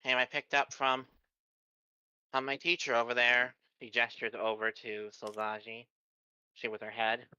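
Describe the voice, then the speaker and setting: Bright tense-sounding player, formal and cheeky, slightly muffled lo-fi audio. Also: medium pitch, level tone, a little slow, clean tone, dry recording. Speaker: tabletop role-play player. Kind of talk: in-character role-play with narration.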